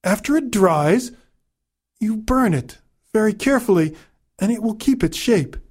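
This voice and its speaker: A man doing a bright, amused old mother. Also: high voice, lively intonation, a little slow, slightly rough, voice pushed up, exaggerated voice. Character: kindly old mother, playful and wise.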